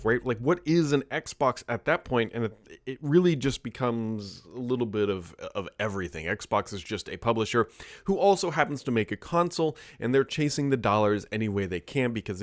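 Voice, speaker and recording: A man's voice: mid-range voice, no echo. Dry-voiced man musing on video commentary. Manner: conversational, thinking aloud with frequent asides. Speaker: tech commentator.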